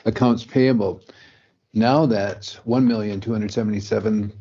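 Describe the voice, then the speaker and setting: A man chairing a county board meeting, moving briskly through motions and votes. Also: lowish voice, fairly even intonation, creaky, dark tone, husky. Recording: dull meeting room audio with faint noise.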